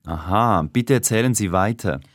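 A man's voice: lowish voice, moderate pace, no echo, clean studio sound, lightly acted. A man playing a formal, businesslike personnel manager interviewing an applicant in a scripted dialogue for language learners. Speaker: head of personnel conducting an interview.

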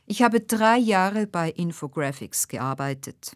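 A woman playing a nervous but polite job applicant in a scripted dialogue for language learners, speaking carefully and clearly. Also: fairly low pitch, animated, unhurried, dry recording, clean studio sound.

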